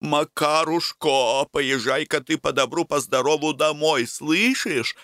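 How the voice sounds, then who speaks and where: Man voicing a kindly village woman, coaxing, folksy, lively intonation, bright voice. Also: fairly low pitch, measured pace, clean tone, dry recording, clean studio sound.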